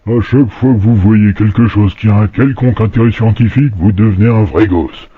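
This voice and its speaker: A man playing a gruff, irritable special agent in a parody animated short, on a noisy amateur recording. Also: lowish voice, a little fast, dry recording, narrow, tinny audio. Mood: grumpy. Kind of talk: parody cartoon acting.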